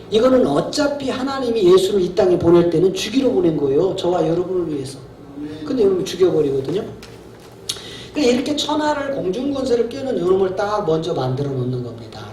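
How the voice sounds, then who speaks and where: A man's voice: high voice, darkish tone, slight background noise. A man preaching as a pastor at a seminar, talking colloquially and emphatically, often asking his audience rhetorical questions. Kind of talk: sermon. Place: seminar hall. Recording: echoey hall from far off.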